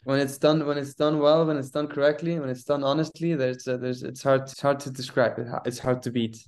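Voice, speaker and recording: A man in his twenties from Iceland, a theater artist appearing as a guest on an interview podcast, talks in a casual, thoughtful way, often restarting and repeating words. His voice is mid-range and somewhat dark, with fairly even intonation and a fairly quick pace.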